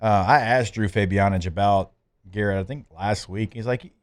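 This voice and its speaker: Live from the studio, a sports radio host jokes and chats easily, his speech full of fillers. He has a lowish voice and keeps a moderate pace.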